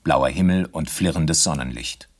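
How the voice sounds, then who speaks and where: A man narrating a radio drama in a measured, gently ironic way. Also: rumbling low.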